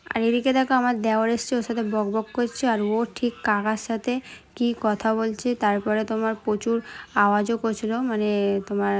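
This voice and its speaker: Fast, flat-voiced woman narrating. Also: fairly high pitch. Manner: quick, even, chatty narration to viewers. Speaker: vlogger. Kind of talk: voice-over narration of a vlog.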